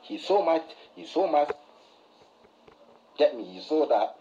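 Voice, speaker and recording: A man's voice: on the high side, very animated, unhurried, dark tone, highs cut off, a little hiss or hum. A young man ranting defiantly to camera in casual chat, rambling and full of slang.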